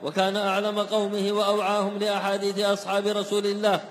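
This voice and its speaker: A man reading classical text aloud in a steady, chanting recitation for a class. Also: high voice, fast talker, slight background noise. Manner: even, chanting recitation of chains of narrators. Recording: long hall reverb.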